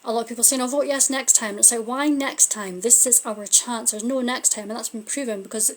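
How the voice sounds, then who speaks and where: On a relaxed live-stream tarot session, a woman from Scotland muses aloud and drifts off mid-thought while flipping cards. Her voice sits on the high side with fairly even intonation and a brisk delivery, recorded through a phone or webcam.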